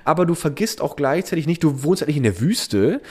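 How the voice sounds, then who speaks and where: A man's voice: on the high side, lively intonation, fairly quick, darkish tone, slightly rough. A man from Germany co-hosting a casual podcast chat, rambling with many restarts and frequent laughs. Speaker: podcast co-host.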